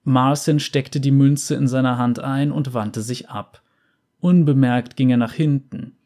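Narrating a fantasy tale a little slowly, this man keeps a calm, steady voice of ordinary middle pitch. His reading is even and careful, much like an audiobook.

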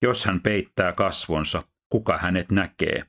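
A man with a very low, deep voice reads scripture aloud. His delivery is steady and measured, like a Bible reading in a sermon. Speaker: Bible reader and teacher.

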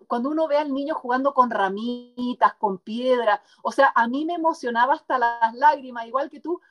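A woman guest author speaking passionately and emphatically in an interview conversation. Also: fairly high pitch.

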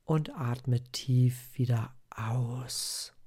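A man speaking as a podcast host in the calm, instructive style of guided meditation and sleep-story narration, addressing a single listener. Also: mid-range voice, drawn-out words, breathy edge.

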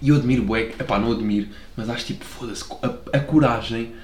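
A man's voice: medium pitch, fast talker, a little mellow, reverberant. Rambling young man from Lisbon, slangy. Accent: Lisbon Portuguese. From Lisbon, Portugal. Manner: rambling, slangy and self-deprecating, swears freely. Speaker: podcast host. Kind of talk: casual solo podcast monologue. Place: room at home by a window.

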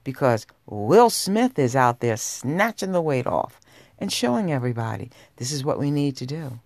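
A woman hosting a personal podcast, talking straight to listeners in an unhurried, sultry, intimate low voice. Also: very animated, darkish tone, dry recording. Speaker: podcast host. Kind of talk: personal talk podcast monologue.

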